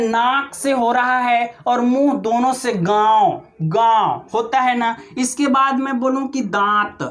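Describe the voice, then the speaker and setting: A high-pitched woman gives an exam-prep grammar lesson to an online class. She repeats each key term and stretches out example sounds slowly, and she keeps calling her viewers friends. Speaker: online teacher.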